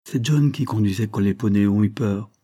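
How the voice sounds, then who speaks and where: A man voicing a timid, gentle young noble wife who speaks softly and apologetically. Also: lowish voice, normal speed, slightly rough. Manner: soft and apologetic.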